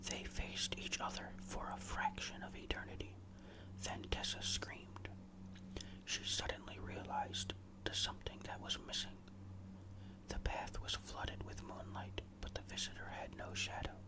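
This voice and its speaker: Hushed, suspenseful whispered ghost story narration. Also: a little slow, poor audio. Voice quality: fully unvoiced whisper.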